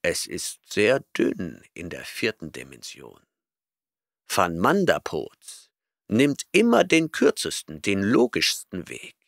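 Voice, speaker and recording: A man's voice: low voice, wildly swooping pitch, takes it slowly, vocal fry, a bit bright, no echo, clean studio sound, heavily acted. A man reading an audiobook voices an arrogant, eccentric male professor who lectures impatiently and snorts at his listener. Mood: lecturing.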